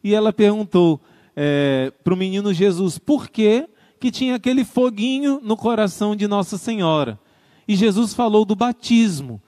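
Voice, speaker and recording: High-voiced man telling a church story. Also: normal speed, dark tone, dry recording, clean studio sound. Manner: tender storytelling, acting out a mother and child in dialogue. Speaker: religious brother and preacher. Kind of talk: storytelling sermon from a livestream.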